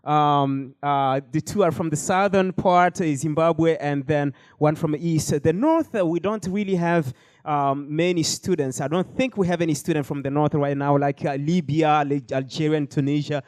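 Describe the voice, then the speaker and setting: A man's voice: fairly high pitch, moderate pace, a little mellow, no room sound. A man hosting a panel discussion, speaking with frequent hesitations and fillers. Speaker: host.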